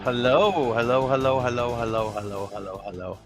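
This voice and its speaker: A man's voice: mid-range voice, moderate pace, faint music behind. A man co-hosting a casual podcast, repeating his greeting while it fades away as if it were an echo in a cave. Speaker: podcast co-host. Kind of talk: casual chat.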